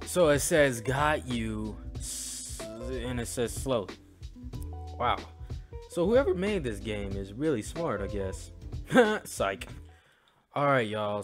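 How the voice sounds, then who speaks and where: A man doing scared, slangy horror game commentary, often repeating phrases in a panic. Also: mid-range voice. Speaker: gamer playing a horror game on a recording. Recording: noisy gameplay recording with clicks.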